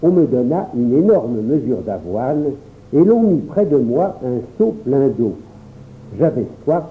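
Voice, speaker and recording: A man giving an expressive first-person storybook narration as an audiobook reader. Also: mid-range voice, unhurried. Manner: expressive, lively reading. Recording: tinny phone-like sound.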